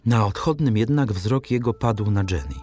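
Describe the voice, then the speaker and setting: Male audiobook narrator, lowish voice; steady, dramatic literary reading over soft music. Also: breathy edge. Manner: measured, dramatic storytelling.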